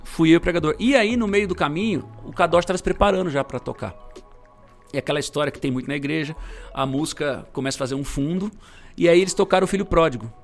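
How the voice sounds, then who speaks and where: A man's voice: fairly high pitch, quick pace, faint music behind. A middle-aged Brazilian man tells his conversion testimony in a slangy, emphatic way. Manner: slangy, emphatic storyteller, bursts of loudness. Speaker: guest sharing conversion testimony. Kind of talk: casual testimony chat.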